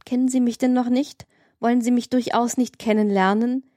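A woman's voice: a little high, fairly even intonation, moderate pace, dark tone, no room sound, clean studio sound, close to an everyday voice. A woman reading as a cool composed young lady. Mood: measured.

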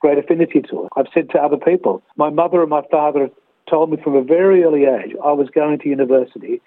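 Over a tinny phone connection, a sixty-something man from Australia reflects on interview questions as a guest. He sounds a little high with no echo, and his storytelling is measured and frequently broken by "uh" pauses.

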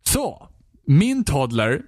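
A man's voice: on the high side, sing-song, a little mellow, no room sound, clean studio sound. A man telling an exasperated, comedic story in a casual chat, swearing freely as he goes.

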